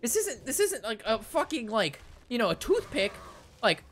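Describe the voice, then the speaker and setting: A young man streaming a card game rants through casual stories to his chat, swearing freely and repeating phrases in exasperation. His voice is very high and sing-song, at normal speed with a fairly bright tone.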